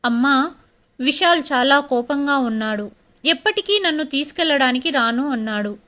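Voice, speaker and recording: A woman's voice: high-pitched, lively intonation, moderate pace, bright, forceful tone. A woman voicing a stubborn, upset young wife in a storybook reading.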